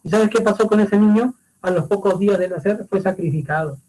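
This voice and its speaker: A man's voice: sits high, brisk, warm tone, rough recording. A man teaching a literature class online, retelling a Greek tragedy animatedly and calling his students muchachos.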